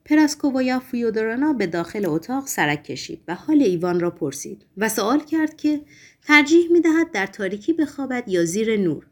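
A woman narrating a novel in an audiobook, telling the story in a steady, even way. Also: mid-range voice.

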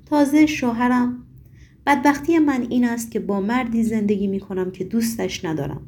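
A woman's voice: fairly high pitch, a little mellow, natural voice. A woman voicing a troubled, unhappily married woman in an audiobook, speaking in a pleading, emotional way. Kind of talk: audiobook reading.

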